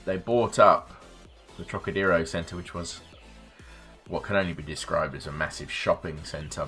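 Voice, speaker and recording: A man's voice: deep voice, a bit bright. A middle-aged man streaming a game, rambling wryly between asides and swearing casually. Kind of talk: casual gameplay commentary.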